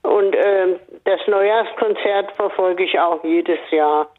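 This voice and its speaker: An older woman from northern Hesse calling in to a radio show, speaking slowly and hesitantly, with many pauses and fillers. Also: lowish voice. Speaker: radio caller. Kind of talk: phone-in chat on radio. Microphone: telephone. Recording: tinny phone line.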